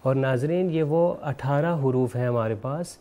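A man hosting a televised lesson, explaining Arabic pronunciation in a measured way and saying letters out slowly to demonstrate. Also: medium pitch, mellow. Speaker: Quran recitation teacher and show host.

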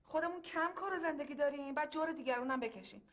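An actress playing a quarrelsome, sharp-tongued woman in a TV drama. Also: high-pitched. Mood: bickering. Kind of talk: TV drama acting.

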